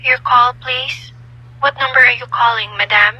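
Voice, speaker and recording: A woman's voice: a little high, steady tone, moderate pace, highs cut off, natural voice. A woman playing a formal, unruffled telephone operator and receptionist in a radio play, polite, clipped and officious. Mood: brisk, formal. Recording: faintly noisy radio-style recording.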